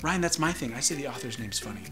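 A man's voice: mid-range voice, animated, fast talker, over music. A man in his thirties, reading a children's story as a co-host with comic banter. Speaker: co-host and story reader, comedian. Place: small room, indoors, seated on a sofa.

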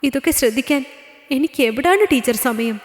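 Lady doing a tired working mom, whiny and defensive, bit high, echoey room. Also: expressive, a little fast. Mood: complaining. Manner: complaining, pleading. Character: overworked, defensive working-class mother.

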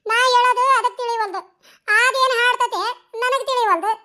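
A dramatic rustic village woman in a cartoon, played by a woman, chattering in a North Karnataka Kannada accent. Her voice sits very high and sounds bright and sharp. She tells her stories excitedly and scolds freely. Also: normal speed. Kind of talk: cartoon voice acting.

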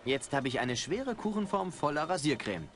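A man's voice: a little high, very animated, moderate pace, fairly bright tone, soft background music. An actor playing a cheeky, bratty little boy pirate in a cartoon adventure game.

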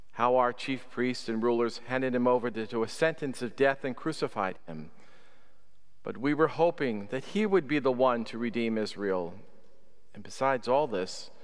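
Older man, priest at Mass, solemn scripture reading, medium pitch, reverberant cathedral echo. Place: large stone church sanctuary, indoors. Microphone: gooseneck microphone at the lectern. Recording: echoing cathedral-like church acoustics, long reverb.

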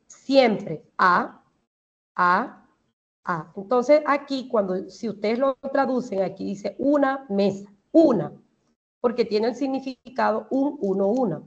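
A woman's voice: fairly high pitch, slow pace, muffled recording. A woman with a Colombian Spanish accent teaching English grammar in an online class, explaining step by step and checking that the students understand.

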